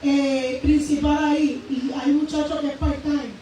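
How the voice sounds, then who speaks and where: A woman preacher giving a fervent testimony in a sermon, emphatic and swinging between raised and hushed speech. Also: high-pitched, level tone, normal speed. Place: church sanctuary. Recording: very echoey church hall, voice from far off, faint noise.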